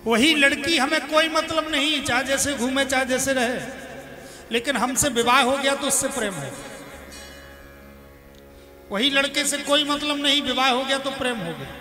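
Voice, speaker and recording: High-pitched man preaching in an echoing hall. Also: normal speed, long pauses. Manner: animated, acts out characters' cries and voices in stories. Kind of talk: devotional sermon with storytelling. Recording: long hall reverb with music behind.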